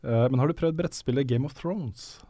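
A man's voice: medium pitch, dry recording. Chatty man, dry studio mic. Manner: relaxed, chatty, laughs often. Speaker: podcast co-host. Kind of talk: casual chat.

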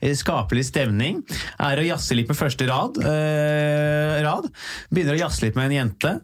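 A male stand-up comedian in casual chat, telling an animated story and acting out the quoted lines. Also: on the high side.

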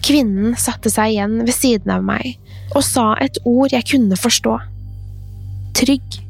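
A woman's voice: a little high, creaky, slightly rough. A woman reading a scripted first-person horror story in a tense, suspenseful way. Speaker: narrator. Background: faint music.

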